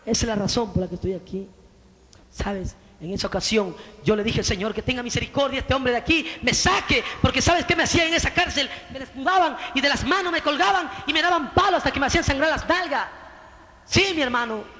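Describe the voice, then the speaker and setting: A man pours out a religious testimony in the manner of a preacher, fervent and direct, calling his listener brother. His voice sits very high and sounds bright and forceful. A long hall reverb trails behind every line. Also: a little fast.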